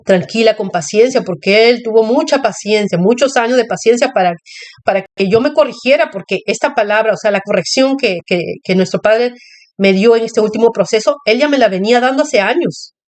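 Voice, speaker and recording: A woman's voice: a little high, fairly quick. A woman preaching a sermon, sharing personal testimony in an earnest, repetitive way and speaking directly to her listeners.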